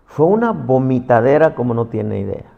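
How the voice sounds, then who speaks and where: A man's voice: medium pitch, very animated, normal speed, vocal fry, in a large hall, narrow, tinny audio. A man preaching a passionate sermon, calling his listeners "hermano" again and again.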